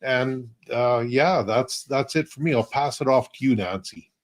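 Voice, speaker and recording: A man from Canada co-hosts over a video call. His voice sits at a middle pitch and he talks in a relaxed, plain-spoken way. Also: a little slow. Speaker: co-host. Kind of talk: casual video-call chat.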